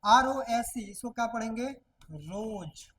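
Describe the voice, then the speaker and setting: A woman's voice: on the high side, animated, a little hiss or hum, low-quality recording. A woman teaching a shorthand class, who explains step by step and often asks a question and answers it herself. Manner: repeats questions and answers them herself, drawn-out words.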